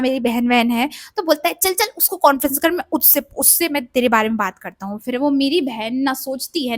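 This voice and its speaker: A young woman vlogger telling a personal story in a casual storytime style, animated and acting out the voices she quotes. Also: high voice, no echo, studio quality.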